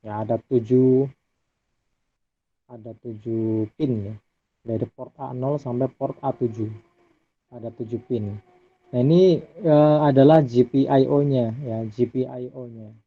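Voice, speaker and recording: A man giving a relaxed recorded lecture over slides, often tagging his sentences with a questioning "ya". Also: medium pitch, no echo. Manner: relaxed, adds tag "ya" often. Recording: dry, phone-like audio.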